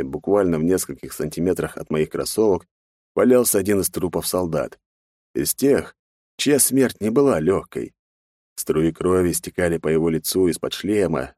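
A man's voice: low-pitched, dark tone, no room sound, clean studio sound. A man narrating a first-person fantasy audiobook with a wry inner monologue.

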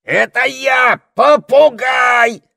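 A man voicing an irritable old male parrot who yells and squawks in exasperation, in an audiobook. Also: huge pitch swings, very slow, no room sound, clean studio sound, heavily acted. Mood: shouting. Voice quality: shrill, gravelly. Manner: yelling, exasperated.

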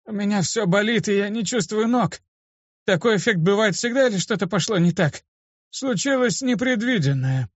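A man voicing a grumpy old male mage with a creaky, gruff voice, in a dull, dry lo-fi recording. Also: sits high, expressive, moderate pace, no room sound, voice pushed up. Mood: sorrowful. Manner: gruff, scolding.

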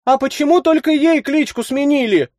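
Man playing a high, whiny young woman who grumbles. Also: normal speed, a little mellow, dry recording, studio quality. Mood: sulky. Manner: whiny, complaining. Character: grumbling young woman, chewing, a bit offended.

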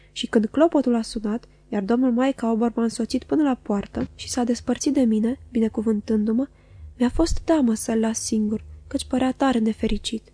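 Warm-voiced woman reading an audiobook. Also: on the high side, slightly rough, dry recording. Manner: measured, expressive reading. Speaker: audiobook narrator. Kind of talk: scripted audiobook narration.

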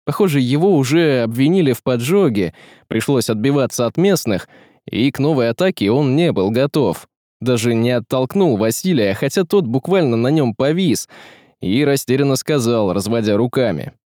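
A man's voice: medium pitch, animated, moderate pace, mellow, no echo, clean studio sound. A man narrating a story as an audiobook reader, telling it expressively and voicing each character. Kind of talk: scripted narration.

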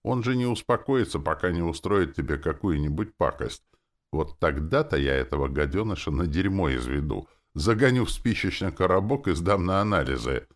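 A man's voice: low-pitched, animated, moderate pace. A man voicing a spiteful, boastful female demon who mocks and gloats. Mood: spiteful mocking. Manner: sneering and boastful. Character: mocking proud female demon, spiteful and loud.

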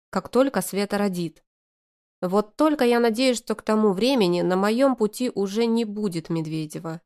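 A woman reading a first-person novel aloud in a lively, sarcastic manner. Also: medium pitch. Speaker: audiobook narrator.

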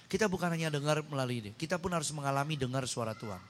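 A man delivering a sermon into a handheld mic. His voice sits a little high and jumps up sharply when he gets excited in the middle of a story. The sound carries a long echo that rings through a big church hall. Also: very fast, slight background noise. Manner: storytelling, animated with sudden high-pitched exclamations. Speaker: preacher. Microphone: handheld microphone.

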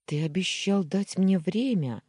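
A reader voicing a frightened young woman who pleads and protests, in an audiobook, plaintive and husky. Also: mid-range voice, lively intonation, unhurried, a little mellow, no echo, studio quality, voice pushed up. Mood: pleading. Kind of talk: audiobook dialogue reading.

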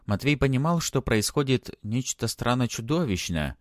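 A man reading a fantasy audiobook aloud in an expressive, dramatic way. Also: medium pitch, normal speed, no echo, clean studio sound. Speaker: audiobook reader. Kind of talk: audiobook narration.

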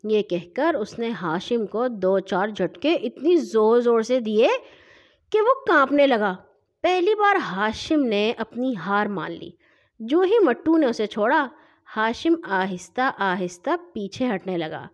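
Woman narrator for kids' audio stories, high, lively voice, lo-fi. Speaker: storyteller. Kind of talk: children's story narration.

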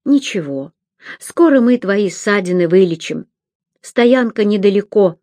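A woman reading a calm, steady big man. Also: mid-range voice, measured pace, no echo, clean studio sound, close to an everyday voice.

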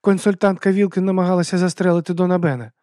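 A man's voice: sits high, quick pace, dark tone, no echo, clean studio sound, voice pushed up, natural voice. A man reading an audiobook, voicing a friendly, eager male helper robot that speaks in a polite, literal and plaintive way.

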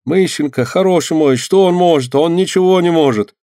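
A man's voice: on the high side, measured pace, dark tone, no echo, clean studio sound, pitched above the performer's own voice. A man putting on a lamenting man in broken speech. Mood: pleading. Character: timid kindly man speaking broken Russian.

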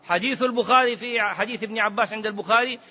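A man, a sheikh giving a lively religious lesson, switching between everyday speech and chanted quotations. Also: sits high, rapid-fire, slightly rough. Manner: lively, mixes colloquial Arabic with quoted scripture, chants some phrases. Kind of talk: sermon-style religious lesson. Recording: lo-fi recording in a reverberant hall.

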